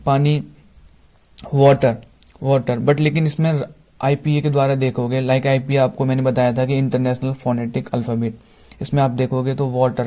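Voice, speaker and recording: A man with an Indian accent teaching English phonetics in Hindi, slowly repeating each example word. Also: mid-range voice, warm tone. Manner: slow, repeats example words one by one. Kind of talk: Hindi-language phonetics lesson.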